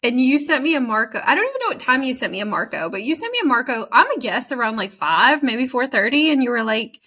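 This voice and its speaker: A woman's voice: on the high side, big pitch swings, fast talker, bright, forceful tone, husky. A woman in her thirties co-hosting a podcast, chatting casually and animatedly with lots of "like" and frequent giggles. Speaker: podcast co-host. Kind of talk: casual chat.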